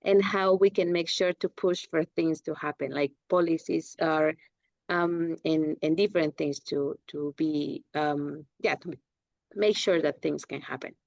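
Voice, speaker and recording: A young woman joins a discussion over a video call. She gropes for her words with restarts. Her voice is low, and it sounds dull and dry. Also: steady tone, unhurried, vocal fry, a little mellow, dry recording. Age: young adult. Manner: searching for words, restarts, fillers. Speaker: webinar participant.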